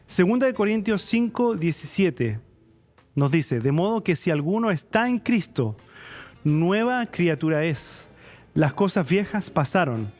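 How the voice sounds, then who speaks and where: A man's voice: sits high, very animated, unhurried, soft background music. A Chilean man hosting a church talk show, reading scripture and greeting viewers before chatting with his guest. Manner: warm friendly interviewer, reads scripture and greetings. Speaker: church program host. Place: church studio.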